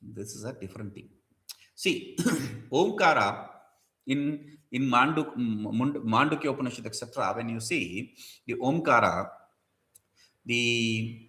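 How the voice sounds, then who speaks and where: Animated man teaching scripture. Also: mid-range voice. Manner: explains each Sanskrit term in English, chants verses. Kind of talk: scripture commentary lecture.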